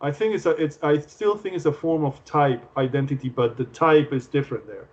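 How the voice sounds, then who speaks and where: A man in a casual academic discussion over a video call, hesitant and quick to agree as he lays out a view. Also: on the high side, highs cut off. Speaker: philosophy discussant.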